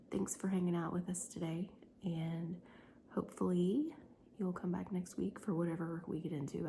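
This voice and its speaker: A tired woman vlogging her day as a crochet business owner and homeschooling mom, whispering softly and rambling with lots of ums late at night at home. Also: fairly low pitch, vocal fry, slight background noise.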